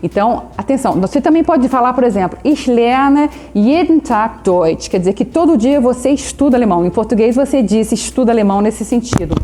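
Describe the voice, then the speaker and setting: Mellow-voiced woman teaching German. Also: fairly high pitch, expressive, slight background noise. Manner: slows down sharply to model German phrases; fillers of "né?" and "tá bom?" to check in with the viewer. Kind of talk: language lesson.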